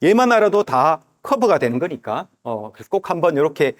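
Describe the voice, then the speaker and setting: A man teaching a math lesson at a whiteboard, who talks to the parts of the figure as "you" and reads formulas slowly and repeats each step aloud. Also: a little high, very animated. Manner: drawn-out, slow reading of formulas.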